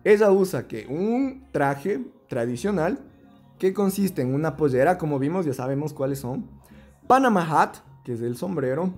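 Male teacher, fairly high, very animated delivery, coaxing kids through English words; light music bed. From Ecuador. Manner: lively, coaxing, slow and drawn out on English words for repetition. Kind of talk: bilingual English lesson for children.

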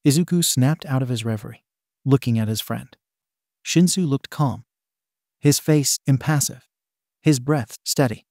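Mellow-voiced man reading a story. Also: medium pitch, unhurried, long pauses, dry recording, studio quality. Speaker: narrator. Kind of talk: audiobook reading of fan fiction.

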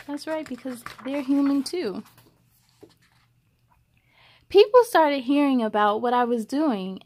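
A young adult woman with a high voice reads aloud as a children's storyteller, expressive and encouraging.

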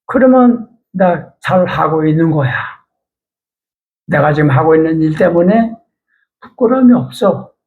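Older Korean preacher with a gravelly voice. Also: male voice, fairly high pitch, expressive, measured pace, narrow, tinny audio. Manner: conversational, plain-spoken preaching with rhetorical questions. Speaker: pastor. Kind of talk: sermon. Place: church.

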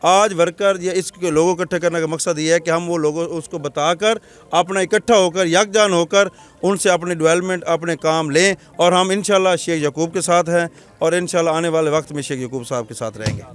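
A middle-aged man with a Punjabi accent speaks into a handheld mic on a crowded street, in a slightly high voice. He is a local councillor giving an earnest, rambling account in a street interview. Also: brisk, soft background music. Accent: Punjabi-accented Urdu. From Pakistan. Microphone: handheld reporter mic.

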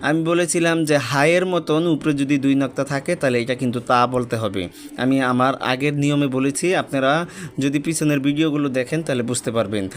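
A man gives a step-by-step lesson, sounding out each letter and vowel mark one at a time before joining them. His delivery is patient and repetitive, with syllables spoken deliberately. His voice sits at an ordinary middle pitch for a man. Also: slight background noise. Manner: spells out letters slowly and repeats syllables, patient. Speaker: religious teacher. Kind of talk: step-by-step Quran reading lesson.

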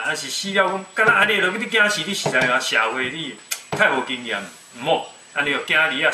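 A man in his fifties with a Taiwanese accent, giving folksy, animated commentary on the news. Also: a little high. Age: 50s. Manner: animated, folksy, mixes Mandarin and Taiwanese Hokkien. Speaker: web TV commentator. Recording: echoey room, distant mic, faint noise.

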